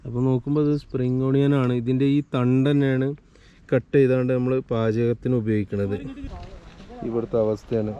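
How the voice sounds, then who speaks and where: A man's voice: medium pitch, level tone, brisk, mellow, clean tone. A man with a Kerala Malayali accent doing casual travel vlog commentary, mixing in Arabic phrases like a Gulf returnee. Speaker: travel vlogger. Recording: muffled lo-fi, noisy vehicle ambience.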